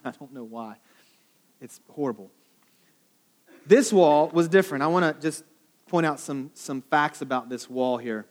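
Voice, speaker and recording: A man preaching a sermon to a congregation in a casual, joking way, often checking in with "right?". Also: medium pitch. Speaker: pastor.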